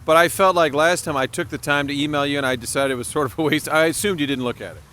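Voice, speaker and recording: A man's voice: fairly high pitch, fast, pushed and bright. Joking man hosting a chat podcast. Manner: hyper, joking. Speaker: podcast host. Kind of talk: casual chat.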